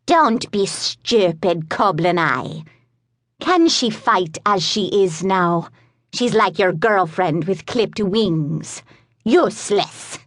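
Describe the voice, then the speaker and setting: A woman voicing a squeaky, cruel male Gwyllion creature who mocks bluntly in an audiobook. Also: expressive, takes it slowly, hardly any pauses, dry recording, clean studio sound. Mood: scornful. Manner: mocking, blunt. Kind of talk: audiobook narration.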